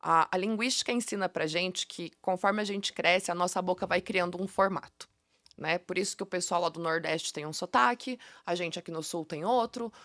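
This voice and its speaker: Playful English teacher from Curitiba. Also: female voice, lowish voice, normal speed, no echo. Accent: Curitiba Brazilian Portuguese. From Curitiba, Brazil. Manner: playful, animated, laughs often while explaining. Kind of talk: casual podcast interview.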